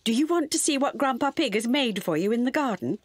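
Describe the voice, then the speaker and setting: A British woman voicing a kindly, doting elderly granny pig in a children's cartoon, gentle and singsong. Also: a little high, animated, a little fast, heavy background noise, natural voice. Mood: playfully secretive.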